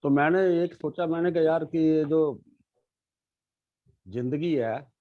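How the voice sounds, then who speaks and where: A man's voice: fairly high pitch, dry recording. Reflective middle-aged man, dull lo-fi. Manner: reflective, earnest, halting. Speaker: guest sharing his life story. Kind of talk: casual conversation. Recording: dull lo-fi sound.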